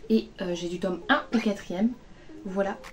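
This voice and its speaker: A woman's voice: medium pitch, normal speed, a little mellow. A woman casually chatting through a book haul on her phone, rambling with lots of fillers and sounding overheated. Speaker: book vlogger. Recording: phone recording with faint music.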